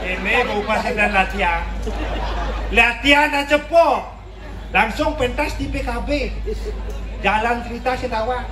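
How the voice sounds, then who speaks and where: High-voiced Balinese stage comic, crowd laughter behind. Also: male voice, a little slow, long pauses, noisy background. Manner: joking, teasing, repeats phrases for effect. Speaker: traditional Balinese comedy stage performer. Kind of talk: comic stage monologue to a live audience. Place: large performance stage with audience. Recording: echoey stage, distant mic, loud laughing crowd.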